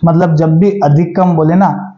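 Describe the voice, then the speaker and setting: A man's voice: fairly high pitch, fairly even intonation, moderate pace, reverberant, highs cut off. A man in his forties teaching an exam-prep math lesson, asking the class questions and answering them himself. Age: 40s.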